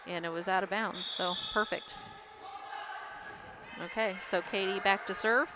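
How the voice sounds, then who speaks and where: A woman giving casual play-by-play commentary on a volleyball game, getting louder on big plays. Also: medium pitch, fairly even intonation, measured pace. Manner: chatty, casual, rises loudly on big plays. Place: school gym during a game. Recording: loud crowd and gym noise.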